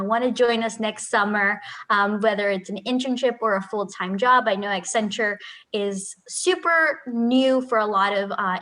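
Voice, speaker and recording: A woman's voice: medium pitch, a bit bright, poor audio. A woman in her twenties, from Peru, giving an upbeat, chatty recruiting presentation over a video call. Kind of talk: friendly presentation.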